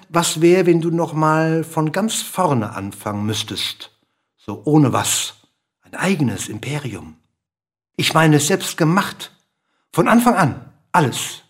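A man voicing a small grey bird in a storybook reading, with a hoarse, hissing, bossy manner. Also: a little high, a bit bright, full character voice. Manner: insistent, lecturing, bossy.

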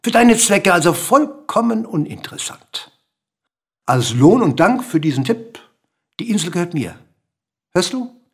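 A man voicing a small grey bird in a storybook reading, with a hoarse, hissing, bossy manner. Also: sits high, sing-song, unhurried, pauses often, pitched above the performer's own voice, full character voice. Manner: insistent, lecturing, bossy.

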